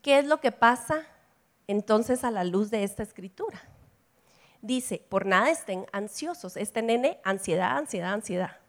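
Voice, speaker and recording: A middle-aged woman with a Central American Spanish accent, preaching a lively sermon and acting out family dialogue. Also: medium pitch, a little slow. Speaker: preacher at a women's gathering.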